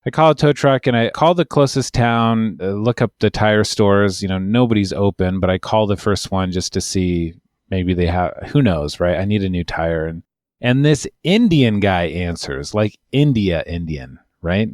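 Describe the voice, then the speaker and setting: Guy with a lowish voice rambling thru a wry story on a podcast, dry close mic. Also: lively intonation, moderate pace, darkish tone, dry recording. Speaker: immigration lawyer. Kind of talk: casual podcast chat.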